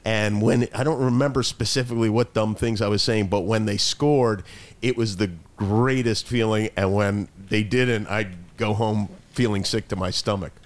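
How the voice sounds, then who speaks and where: A man on a podcast, earnestly telling a memory from high school. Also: fairly even intonation, normal speed. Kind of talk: casual chat.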